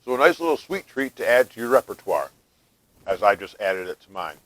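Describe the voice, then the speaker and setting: A man's voice: on the low side, brisk, no room sound, poor audio. Chatty man in a dry home kitchen. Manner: chatty, relaxed, talks while tasting, frequent fillers. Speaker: home cooking vlogger. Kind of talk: casual cooking chat.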